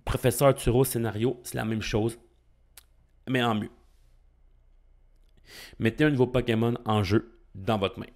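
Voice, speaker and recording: A middle-aged man with a Québécois French accent, giving excitable, casual commentary while opening trading cards and thinking aloud. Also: medium pitch, unhurried, pauses often. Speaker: card-opening YouTuber.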